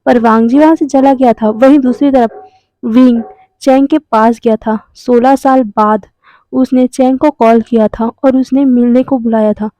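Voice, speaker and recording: A woman's voice: fairly high pitch, steady tone, normal speed, dark tone, dry recording. A woman casually narrating a fan story, chatty with small fillers. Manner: conversational, adds fillers like "ना" and "मतलब".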